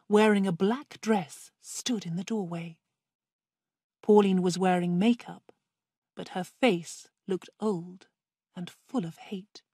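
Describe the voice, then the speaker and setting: A woman reads a simple story aloud for language learners. Her delivery is slow and careful, her voice soft and breathy, and the recording is dry and close. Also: medium pitch, no echo. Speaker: narrator. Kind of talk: slow scripted audiobook reading for learners.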